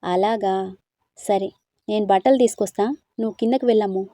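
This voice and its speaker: A kindly old grandmother in a storybook, gentle and fond, voiced by a woman reader. The voice is mellow and warm, and the recording is dry and close. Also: medium pitch, fairly even intonation, brisk, no echo, close to an everyday voice. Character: kindly old grandmother, soft-hearted and sad.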